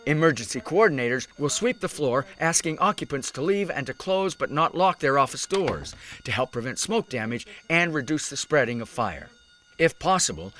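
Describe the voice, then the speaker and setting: A man reading scripted safety instructions as a narrator, in a measured, instructive way. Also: fairly high pitch, bright, forceful tone.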